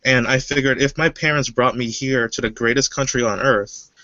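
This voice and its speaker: Bright-voiced man from Guyana telling his story. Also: medium pitch, steady tone, moderate pace, no room sound, muffled recording. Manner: casual, many "you know" fillers. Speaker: webinar guest. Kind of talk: personal story.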